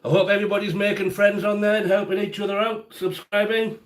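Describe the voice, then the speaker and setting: A man's voice: sits high, little pitch movement, fast talker. A man hosting a casual cooking livestream from his home kitchen, chatting and answering viewers by name as he cooks. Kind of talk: casual live-stream chat while cooking. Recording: echoey kitchen room sound.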